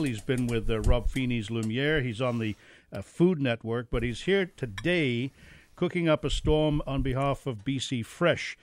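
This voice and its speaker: A man who grew up in Europe hosts a radio morning show, joking and asking quick questions. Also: medium pitch. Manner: jokey, brisk interviewer. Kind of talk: casual radio hosting. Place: radio studio.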